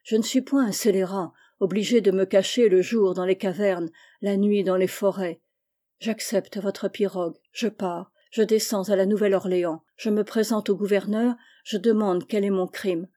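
A woman's voice: mid-range voice, fairly even intonation, normal speed, warm tone, lightly acted. A woman reading the part of a young French man, despairing yet resolute, in impassioned declamation.

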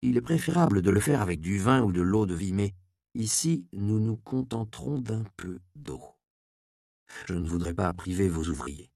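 A man voicing a grave, curt apothecary master who explains his work calmly. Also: lowish voice, moderate pace, gravelly, no echo, clean studio sound. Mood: instructive.

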